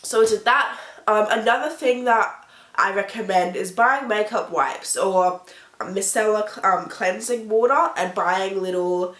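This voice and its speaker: A woman's voice: mid-range voice, measured pace, a bit bright. A woman vlogger chatting casually to camera while sick with a blocked nose, breathing through her mouth. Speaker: beauty vlogger. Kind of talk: casual talk to camera about personal experience. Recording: echoey, roomy sound.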